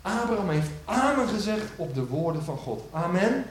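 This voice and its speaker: Male preacher, fairly high voice, dramatic swells and hushes, big church echo. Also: big pitch swings, moderate pace, slight background noise. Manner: swells loud on key words, drops to hushed low phrases. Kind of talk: sermon. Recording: echoey church hall.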